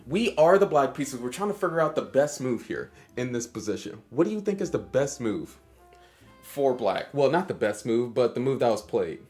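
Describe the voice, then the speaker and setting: This is a man, hosting a casual livestream chess lesson. He jokes with his chat and sounds hyper, and his pitch swings widely from line to line. Faint music plays behind him. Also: moderate pace. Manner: animated, joking with chat, hyper. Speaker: chess streamer and teacher.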